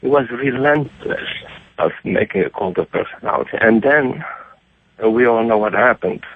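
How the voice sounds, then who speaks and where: Middle-aged male caller from Romania, gravelly and husky, earnest with many restarts, over a phone line. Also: medium pitch, expressive. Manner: earnest, halting with repeated restarts. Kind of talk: phone-in radio call. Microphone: telephone.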